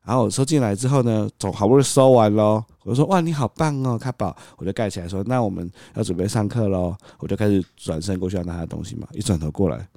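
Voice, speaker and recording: A man's voice: lowish voice, quick pace, vocal fry, hardly any pauses, no room sound, clean studio sound. A father, co-hosting a podcast and animatedly acting out a story about his toddler, laughing as he goes. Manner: animated, acts out scenes, laughs often. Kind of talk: casual storytelling chat.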